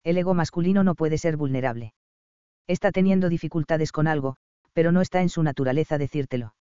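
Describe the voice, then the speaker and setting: A teasing, blunt adult sister from a romance audiobook, read by a man. The voice sits a little high but sounds mellow and smooth. The recording is dry and slightly dull. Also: fast talker, dry recording, natural voice. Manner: teasing, matter-of-fact.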